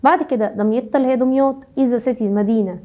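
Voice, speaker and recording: Fast-talking Egyptian woman teacher, slightly high and mellow, drilling grammar with rhetorical questions. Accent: Egyptian Arabic. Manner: brisk, keeps asking rhetorical questions. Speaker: English teacher. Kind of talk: grammar lesson for middle schoolers.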